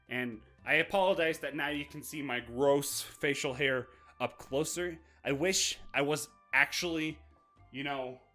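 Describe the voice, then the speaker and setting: A young man vlogging to his viewers, rambling and self-mocking in an unscripted outro, talking in a raspy voice while he stands in front of the camera. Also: medium pitch, sharp tone. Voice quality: raspy put-on voice. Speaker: YouTuber. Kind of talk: unscripted vlog outro talk. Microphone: filmed standing.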